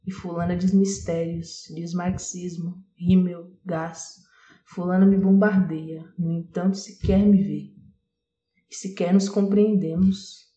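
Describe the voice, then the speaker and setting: A woman giving a dramatic poetry recitation, lingering on single words with shifting loudness. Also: fairly low pitch, little pitch movement, slow, highs cut off, slight background noise. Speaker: poetry reader. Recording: roomy echo.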